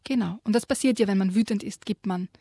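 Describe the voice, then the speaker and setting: A woman co-hosting a radio show, lively retelling and reading aloud a children's story, giving quoted lines their own voice. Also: mid-range voice, fast talker, breathy edge, dry recording, clean studio sound. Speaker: radio co-host presenting children's books.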